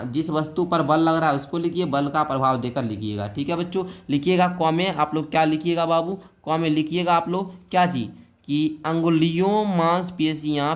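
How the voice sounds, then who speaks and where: A male teacher with a somewhat high voice explains a school science lesson. He reads each question out, then talks it through in a coaxing way, checking on his pupils again and again. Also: a bit bright. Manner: coaxing, keeps asking the pupils "theek hai?". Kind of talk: classroom-style exam answer lesson.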